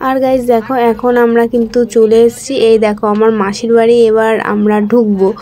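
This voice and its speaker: A woman's voice: fairly high pitch, flat delivery, brisk, warm tone. A woman narrating a casual vlog, explaining each step as she goes. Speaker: vlogger.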